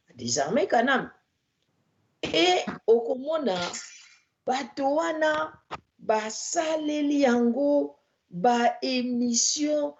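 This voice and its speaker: A Congolese man talks politics on a studio panel, slow and unhurried, with a gravelly edge. He mocks his subject and halts over his words. The broadcast sound is dull and lo-fi. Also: high voice, a little mellow. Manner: halting and mocking. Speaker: political commentator. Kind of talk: studio debate commentary.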